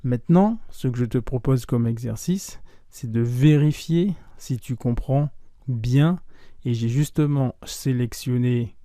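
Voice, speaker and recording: A man teaching spoken French in a casual lesson, saying each phrase carefully and then again in quick, clipped everyday form. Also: medium pitch, dark tone, no room sound, clean studio sound. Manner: repeats phrases slowly, then in fast clipped native form.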